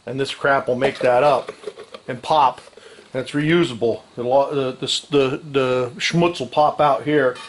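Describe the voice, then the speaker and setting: This middle-aged mechanic talks through a hands-on how-to in a garage with its door open, using colorful, down-home slang as he works a few feet from the camera. His medium pitch stays fairly even and he's a little slow, with metal tools clanking in the background.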